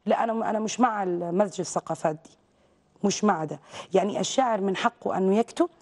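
A woman from Saudi Arabia speaks very fast, pressing her points hard in a televised interview. Her voice is mellow and dark in tone, and she talks with emphatic conviction. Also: medium pitch. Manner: outspoken, rapid and emphatic. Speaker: guest, visual artist. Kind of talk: TV interview conversation.

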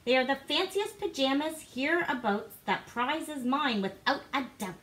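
Reading rhyming storybook text to young children, a woman acting as guest co-reader performs with playful theatricality. Her voice is high and fairly bright at a moderate pace. She is indoors in a living room, captured by a device camera a short way off.

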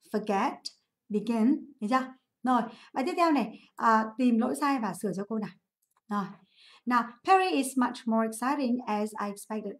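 Lively woman teacher quizzing a class. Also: fairly high pitch. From Vietnam. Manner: lively, asks the class questions and answers them herself; drills English words by repeating them slowly. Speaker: English teacher. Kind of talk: livestream exam review lesson.

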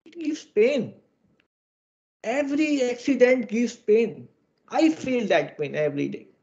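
A man's voice: very high voice, lively intonation, measured pace, darkish tone. Indian man on a screen-recorded video call. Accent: Indian English. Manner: earnest and exhorting, fond of idioms. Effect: screen-recorded video call audio. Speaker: webinar presenter on electrical safety. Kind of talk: formal presentation over a video call. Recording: dull lo-fi video call audio.

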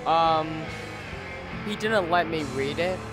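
A man doing casual game commentary as a video host, rambling haltingly and often interrupting himself. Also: on the high side, over music, low-quality recording.

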